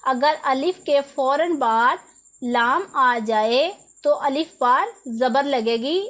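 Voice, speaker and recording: A woman's voice: sits high, slow, a bit bright, dull audio. A woman teaching a Quran reading lesson, patiently repeating each rule and asking questions before answering them herself. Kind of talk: step-by-step lesson explanation.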